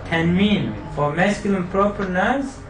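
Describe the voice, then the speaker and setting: Recorded from afar in an echoey classroom, a man with a high-pitched voice leads a grammar lecture a little slowly. He quizzes the students and repeats their answers aloud, with crowd noise audible around him.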